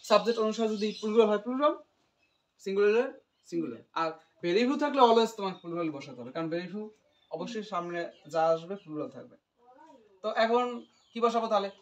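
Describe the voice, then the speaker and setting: Here the grammar tutor sounds high-pitched and lively, speaking a little quickly. In this call-and-response English lesson, he poses questions, repeats back what the student says, and walks through explanations one step at a time.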